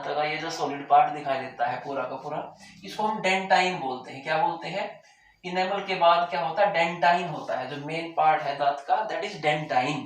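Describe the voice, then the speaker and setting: A man delivers a classroom lecture, repeating key terms and asking rhetorically whether the class understands. His voice is a little high, and a sore throat keeps making him clear it; the mic is far off in a very echoey room.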